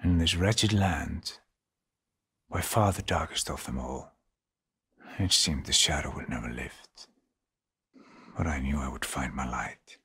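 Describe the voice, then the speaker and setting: Deep in a bass voice with a sharp tone, a man plays a grave, weary male seer guiding players through a haunted Norse land in a video game. His heavily acted, husky and breathy delivery is solemn, deliberate, and portentous, often sinking to a whisper.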